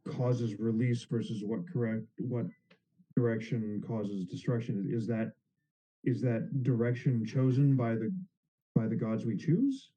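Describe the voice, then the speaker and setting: A man's voice: medium pitch, fairly even intonation, measured pace, mellow, rough recording. A man playing a tabletop game who asks questions and stumbles over his words. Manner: inquisitive, stumbling. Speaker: player. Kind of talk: casual tabletop play.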